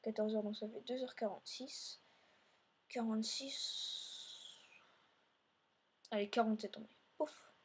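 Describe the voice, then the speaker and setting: A woman's voice: fairly high pitch, fairly even intonation, brisk, background noise. A woman hosting a let's play, narrating her gameplay in a meandering way and talking straight to her viewers. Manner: meandering, filler-heavy narration while playing; speaks directly to viewers.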